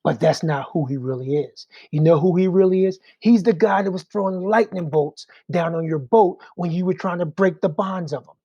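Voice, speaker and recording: A man's voice: high voice, moderate pace, few pauses, mellow, no room sound, lo-fi sound. A man teaching an adult Sunday school class in a conversational way, often checking in with rhetorical questions.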